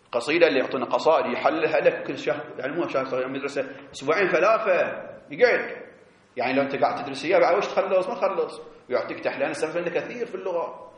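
A man giving a seminary lecture, explaining animatedly and drawing out key words slowly. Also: fairly high pitch. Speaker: teacher of religious jurisprudence. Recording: echoey, dull lo-fi classroom recording.

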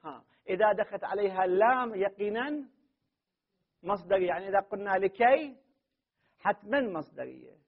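A man's voice: high voice, animated, moderate pace, pauses often. A man with an Iraqi accent giving a classroom grammar lecture as a seminary teacher, often putting questions to his students and then answering them himself. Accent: Iraqi Arabic. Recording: muffled lo-fi recording.

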